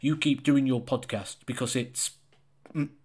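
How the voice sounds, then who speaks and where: A man's voice: medium pitch, steady tone, unhurried, a little mellow, slightly rough. Chatty man talking to his camera. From England. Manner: chatty and anecdotal, acts out players' remarks in quotes. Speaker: professional darts player and channel host. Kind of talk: solo talk to camera. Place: small indoor room with a brick-pattern wall.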